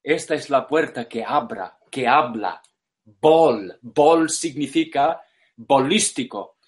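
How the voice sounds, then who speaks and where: Lecturing at a slow pace in his second language, this English-native man repeats himself and gropes for terms while explaining. He speaks at a medium pitch with plenty of expression.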